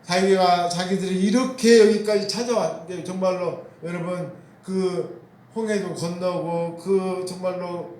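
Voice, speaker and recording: A man's voice: sits high, steady tone, a little slow, a little mellow. A man preaching a sermon as pastor, asking the congregation questions and answering them himself, and repeating key phrases for emphasis. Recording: roomy echo.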